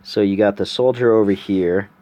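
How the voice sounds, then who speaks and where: A man with a notably low voice recounts a fantasy tale in loose, everyday speech. He draws as he talks, so he wanders, restarts and pads his sentences with fillers. It sounds like someone narrating his own story for viewers rather than performing it. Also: steady tone, normal speed, warm tone. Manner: rambling, filler-heavy, thinking aloud. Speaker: storyteller and artist. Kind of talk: casual spoken storytelling while sketching.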